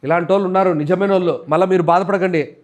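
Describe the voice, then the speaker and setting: A man's voice: sits high, steady tone, racing. A man preaching a sermon, asking rhetorical questions and acting out people's complaints. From India. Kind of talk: Telugu sermon.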